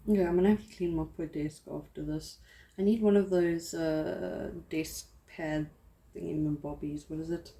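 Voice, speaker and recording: There's a little hiss or hum under this low, dark female voice, which keeps a fairly even intonation at a moderate pace. A young craft vlogger from South Africa, she chats and drifts a bit while working at her craft desk, poking fun at herself as she goes.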